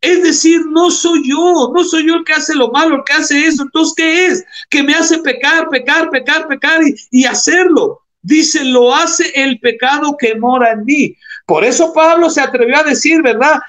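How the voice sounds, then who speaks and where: A man's voice: extremely high pitch, normal speed, a bit bright. A man preaching a sermon, reading scripture aloud and explaining it, calling the congregation brothers and asking them rhetorical questions.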